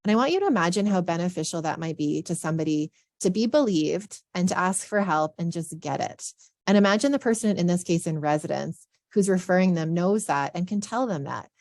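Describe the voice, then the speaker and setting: An earnest woman walks her audience through a training scenario, explaining carefully with plenty of verbal fillers. Her voice sits on the low side. The webinar microphone sounds close and dry. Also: lively intonation, a little fast, darkish tone, no room sound. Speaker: assistant dean of students, workshop presenter. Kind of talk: training presentation.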